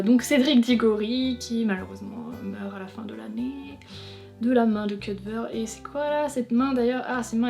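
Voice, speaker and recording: A young woman chatting casually as a vlogger, reviewing figurines in a frank, teasing way that is quick to complain. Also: a little high. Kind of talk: casual chatty unboxing commentary. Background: faint background music.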